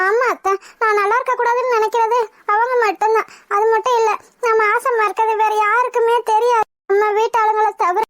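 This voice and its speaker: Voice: extremely high pitch, level tone, fairly quick, a bit bright, no room sound, studio quality. A voice actor playing a worried young pregnant wife in a cartoon, pleading and anxious. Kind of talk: cartoon voice acting.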